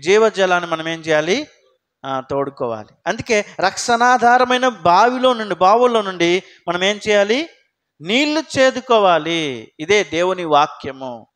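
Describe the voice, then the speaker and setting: A man with a notably high-pitched voice preaching a sermon. He keeps it conversational, pausing often to put questions to his congregation and then answering them himself. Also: fairly bright tone. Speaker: pastor.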